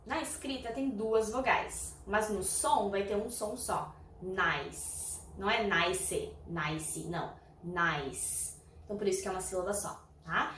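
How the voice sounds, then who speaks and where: A woman teaches an English lesson at a medium pitch. She spells words out slowly and checks in with short tags after each point. She is recorded from a little way off the mic in an echoey indoor room with faint noise behind her. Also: a bit bright, distant mic. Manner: explains slowly, often checks in with "tá?" and "ok?". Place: indoor room, traffic heard outside. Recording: roomy sound from off the mic, faint background noise.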